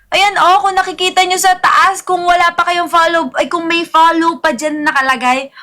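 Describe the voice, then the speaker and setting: A woman with a Filipino accent hosting a casual live gaming stream in an upbeat, hyped way, coaxing viewers to follow and repost. She has a soft, calming voice. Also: very high voice, moderate pace.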